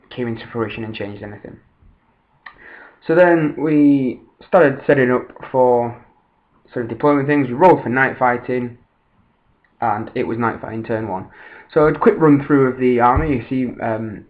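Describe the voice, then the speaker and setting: Man far from a muffled laptop microphone. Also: mid-range voice. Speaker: tabletop wargamer presenting a battle report. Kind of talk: casual narrated game recap. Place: voice-over recorded at a laptop. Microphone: built-in laptop microphone, a little far away. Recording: band-limited laptop built-in microphone, slightly distant.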